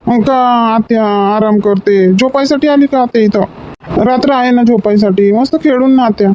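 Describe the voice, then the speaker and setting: A woman's voice: on the high side, moderate pace, dark tone, muffled recording, a little hiss or hum, voice pushed down, lightly acted. A woman voicing a cheeky, pushy young boy in a comedy sketch, whining and coaxing.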